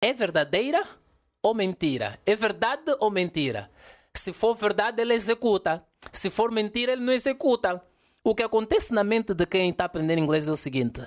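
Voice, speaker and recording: A man's voice: high voice, lively intonation, moderate pace. A man, an English teacher explaining emphatically in a podcast interview and dropping in English example phrases.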